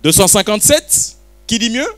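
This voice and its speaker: A man's voice: high-pitched, big pitch swings, normal speed, fairly bright tone. A man running a live auction at a book launch, calling and repeating bids while teasing the crowd. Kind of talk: joking live auction patter.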